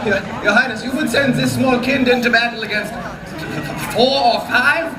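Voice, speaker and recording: A man's voice: extremely high pitch, fairly even intonation, normal speed. A man playing a pompous German nobleman in theatrical Renaissance fair olde speech, projecting grandly and dropping in German phrases. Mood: pompous, questioning. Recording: roomy outdoor fairground, loud music and crowd. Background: loud crowd and music.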